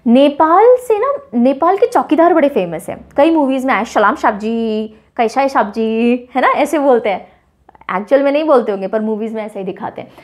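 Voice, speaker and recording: A young woman teacher with a high, bright voice runs a lively mnemonic lesson. She mixes Hindi and English and acts out small playful scenes to make facts stick. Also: fairly quick. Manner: playful, animated storytelling with mini scenes.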